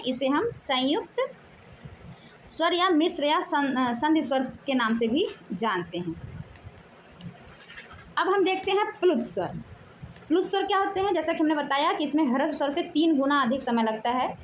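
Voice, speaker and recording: A high-voiced woman gives a patient classroom grammar lesson. She draws out each sound and poses questions before answering them, with a faint hiss of noise behind her. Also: low-quality recording. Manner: explanatory, drawn-out syllables, asks questions then answers. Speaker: Hindi teacher.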